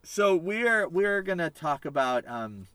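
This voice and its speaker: A man's voice: fairly high pitch, big pitch swings, takes it slowly, fairly bright tone, clear, resonant tone. A man hosting a podcast interview from his family van, chatty and upbeat with a rambling way of talking. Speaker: podcast host.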